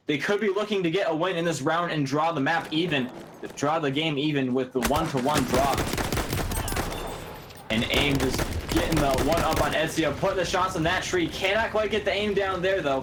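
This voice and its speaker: Energetic man calling a video game match. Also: on the high side, noisy background. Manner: quick, energetic, laughs easily. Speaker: esports commentator. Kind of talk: live play-by-play commentary. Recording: game gunfire loud in the background.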